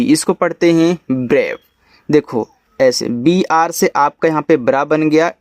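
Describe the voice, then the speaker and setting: A man's voice: fairly high pitch, a little mellow, no room sound. A man with a Hindi accent teaching English reading, spelling each word out letter by letter and then explaining it patiently.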